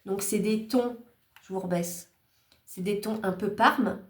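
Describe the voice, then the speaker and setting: A woman's voice: mid-range voice, a little slow. A woman hosting a craft channel, casually showing cards she was sent and thanking each maker in a chatty, grateful way with small hesitations. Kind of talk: casual show-and-tell of cards. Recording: echoey room.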